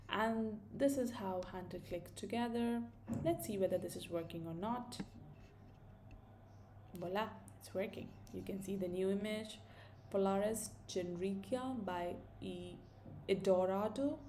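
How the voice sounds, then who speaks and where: A young Indian woman with an Indian accent walks through a screen-recorded coding tutorial, casually thinking aloud with fillers and self-corrections. Her voice is mid-range, and the background is noisy.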